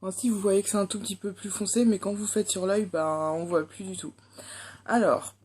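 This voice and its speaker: Chatty young Frenchwoman with mellow voice. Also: medium pitch, fairly even intonation, brisk, breathy edge. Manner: chatty, hesitant, many fillers. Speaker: beauty vlogger. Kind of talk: casual makeup review.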